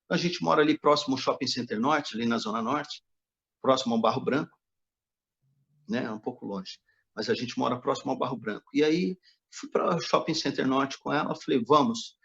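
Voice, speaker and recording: A man's voice: medium pitch, fairly quick, creaky, fairly bright tone. A man, a pastor, telling a personal testimony story and quoting the dialogue of others in his own voice. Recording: dull lo-fi recording.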